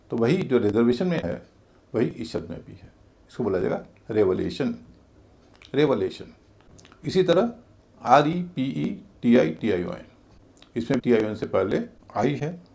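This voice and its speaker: A man's voice: mid-range voice, vocal fry, a little mellow. A man teaching English pronunciation in a video class, spelling words letter by letter and chanting their stress patterns.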